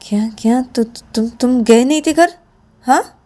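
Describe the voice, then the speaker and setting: A woman voicing an exasperated young woman who scolds in shrill, rapid questions. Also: warm tone, lightly acted. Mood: scolding.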